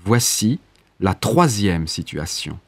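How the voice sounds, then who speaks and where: A man with a fairly low voice reads exam instructions very slowly. His delivery is formal and neutral, and the sound is dry, without room echo. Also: sing-song. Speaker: exam narrator giving instructions. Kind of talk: scripted test instructions.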